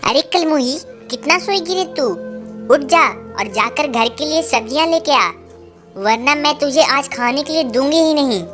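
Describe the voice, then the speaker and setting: A woman's voice: high-pitched, lively intonation, moderate pace, a bit bright, soft background music. A woman voicing a cruel, harsh stepmother bird in a cartoon. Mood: scolding. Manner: harsh, scolding. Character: cruel scolding stepmother bird, female, adult.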